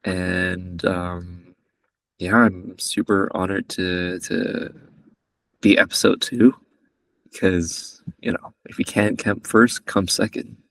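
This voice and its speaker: A man's voice: deep voice, level tone, takes it slowly, no echo, recorded from a distance. A man in his twenties from Malaysia, a podcast guest chatting casually in a rambling, joking way that keeps correcting itself. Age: 20s. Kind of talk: casual chat.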